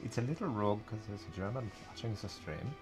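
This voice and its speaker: A man hosting a relaxed live stream who laughs and thinks aloud as he paints. His voice moves animatedly up and down. Faint music plays underneath. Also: lowish voice, quick pace. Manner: rambling and laughing, thinking aloud while working. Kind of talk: casual live stream chat.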